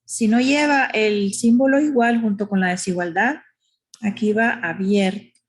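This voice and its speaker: Female math teacher, husky voice, patient, explanatory classroom delivery. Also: medium pitch, a little slow. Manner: patient, explanatory, uses diminutives, asks "¿verdad?". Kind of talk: recorded math lesson.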